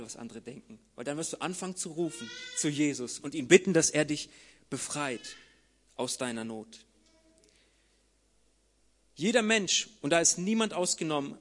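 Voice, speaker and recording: High-voiced man preaching a sermon. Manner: addresses the listener directly with rhetorical questions; emphatic, rising to loud passages.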